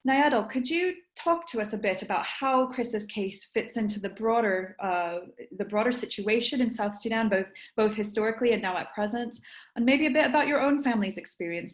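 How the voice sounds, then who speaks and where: A woman moderating an online webinar panel, putting careful, measured questions to a guest. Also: mid-range voice. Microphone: video call. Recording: echoey room on a video call.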